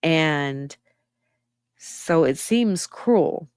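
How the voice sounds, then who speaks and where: A woman's voice: low-pitched, expressive, very slow, clean tone, dry recording, clean studio sound. A woman giving casual spoken commentary, opinionated and reasoning her points aloud step by step. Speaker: true-crime commentator.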